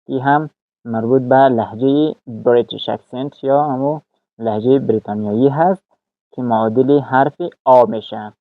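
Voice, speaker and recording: A man teaching English vowel sounds, speaking slowly with many "uh" fillers and repeating each example word. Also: mid-range voice, fairly even intonation, no echo, narrow, tinny audio. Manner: slow, halting, with frequent "uh" fillers. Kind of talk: pronunciation lesson.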